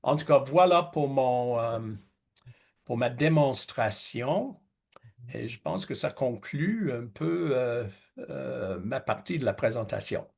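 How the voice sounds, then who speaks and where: Slow, hesitant man on a video call. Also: mid-range voice, expressive, creaky. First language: English. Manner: hesitant, many fillers, slips into English. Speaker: guest speaker. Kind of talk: webinar presentation.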